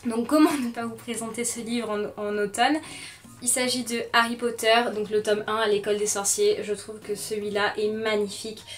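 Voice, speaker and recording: A young woman chatting casually about her favorite products, often pausing with "euh" and sounding warmly enthusiastic. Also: on the high side, steady tone. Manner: chatty, frequent "euh" fillers, gentle and enthusiastic. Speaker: beauty vlogger. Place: bedroom. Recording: slightly distant mic, soft music underneath.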